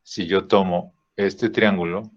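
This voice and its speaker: A man teaching a drawing software lesson, thinking aloud with fillers and checking in with "¿sí?" after each step. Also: sits low, fairly even intonation. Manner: slow, checks in with frequent "¿sí?" and "¿no?"; thinks aloud with "este" fillers while clicking. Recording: dull lo-fi recording.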